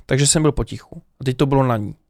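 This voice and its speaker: Animated man telling a story, dry sound. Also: mid-range voice, no echo. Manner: animated, lots of hesitations and laughs, addresses the viewers directly. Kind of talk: casual storytelling to camera.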